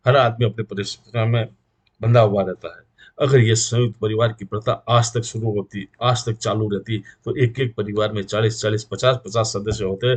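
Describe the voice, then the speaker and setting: A middle-aged man with a Rajasthani Hindi accent, making an earnest moral appeal to the community as a guest speaker, preaching in rhythmic repeated lists. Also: on the low side. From India.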